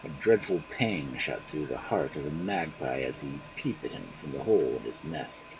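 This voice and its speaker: A man reading fairy tales aloud on a livestream in an expressive, dramatic storytelling manner. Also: very deep voice, moderate pace, noisy background.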